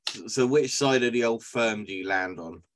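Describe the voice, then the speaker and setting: A man's voice: fairly low pitch, moderate pace. A man co-hosting a casual interview, asking questions in an informal, chummy way. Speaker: interviewer, co-host.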